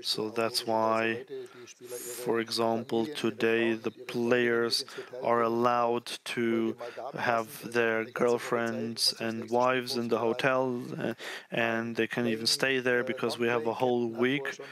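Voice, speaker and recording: A man interpreting live at a press conference, halting and restarting often. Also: mid-range voice, monotone, a crowd in the background.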